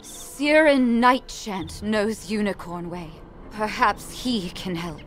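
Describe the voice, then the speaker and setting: A woman's voice: mid-range voice, takes it slowly, slight background noise, lightly acted. A woman voicing a solemn, gracious winged lady guardian in a video game, formal, earnest and dramatic. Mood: troubled, foreboding. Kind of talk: scripted video game character acting.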